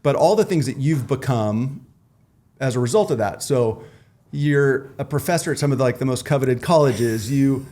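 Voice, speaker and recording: A man's voice: medium pitch, animated, moderate pace, warm tone. A man hosting a podcast, chatty and upbeat, with casual surfer slang. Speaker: podcast host. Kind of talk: casual interview chat.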